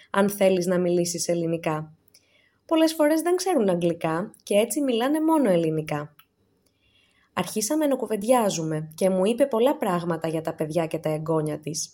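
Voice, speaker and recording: A woman reading a short story and then a vocabulary list for language learners, with clear, careful pronunciation. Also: mid-range voice, dark tone. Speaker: language teacher.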